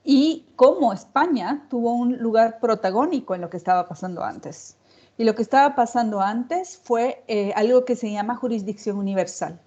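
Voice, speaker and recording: A woman's voice: a little high, warm tone. A woman speaking off the cuff as a panelist, emphatic, building her points with repeated phrases. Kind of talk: unscripted public talk. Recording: dull, lo-fi audio.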